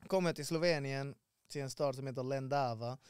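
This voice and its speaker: A Swedish man in his twenties, with a clean mid-range voice, appears as a podcast guest in clean studio sound with no room sound. In casual chat, he animatedly tells a travel story and acts out the voices of the people he met.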